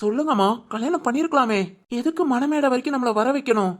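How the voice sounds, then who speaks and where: A woman's voice: high-pitched, quick pace. A woman voicing a young man as an elder brother in a cartoon, stern and questioning, with a southern Tamil Nadu accent. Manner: questioning, reasoning.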